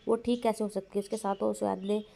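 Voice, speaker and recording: A woman's voice: medium pitch, level tone, fairly quick, creaky, warm tone, a little hiss or hum, close to an everyday voice. A woman voicing a confused, frightened young woman asking anxious questions, in an audio novel.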